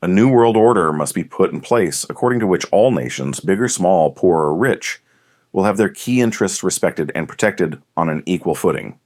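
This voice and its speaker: A man narrating an audiobook in a measured, deliberate reading. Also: low voice, animated, a little mellow, no room sound, studio quality. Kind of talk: scripted narration.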